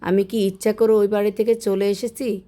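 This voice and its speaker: A woman's voice: medium pitch, level tone, normal speed, warm tone. Woman reading a serial family drama. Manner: reads all parts, shifting tone for quoted speakers. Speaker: storyteller. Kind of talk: narrated serial story reading.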